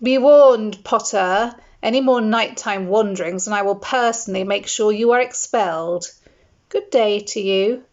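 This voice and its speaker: A woman voicing a cold, sneering male professor who speaks smoothly and with menace, on a dull lo-fi recording. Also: medium pitch, measured pace, natural voice. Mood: menacing.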